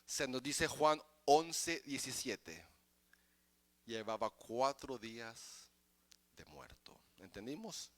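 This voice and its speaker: A male pastor preaching a sermon in church, moving from quiet explanation to loud, chanted exhortation. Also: mid-range voice, dry recording. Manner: starts quiet and builds to shouting, chanted preaching.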